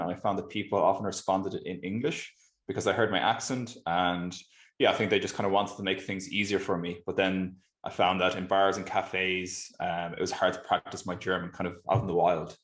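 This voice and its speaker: Male, low voice, west of Ireland accent, informal interview guest in a roomy, echoey space. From Galway, west of Ireland. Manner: informal, hedging with 'kind of'. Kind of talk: casual interview chat.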